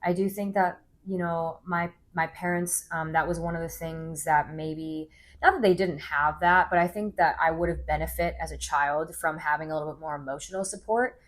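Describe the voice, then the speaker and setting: A woman's voice: low-pitched, steady tone, moderate pace. Thoughtful young American woman host. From United States. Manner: thoughtful, reflective, agreeable. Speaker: podcast co-host. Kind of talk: casual chat.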